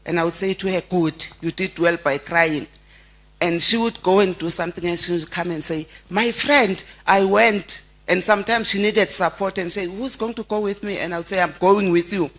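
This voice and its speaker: A middle-aged South African woman, a close family friend, giving a heartfelt memorial tribute and telling stories with frequent halting restarts. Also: fairly low pitch, steady tone, fairly bright tone. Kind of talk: memorial eulogy.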